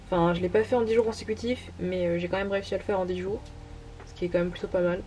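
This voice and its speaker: Young woman with a mellow voice, hesitant. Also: on the low side, fairly even intonation, quick pace. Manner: hesitant, many fillers, self-deprecating laughs. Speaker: artist vlogger showing her sketchbook. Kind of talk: casual narrated walkthrough.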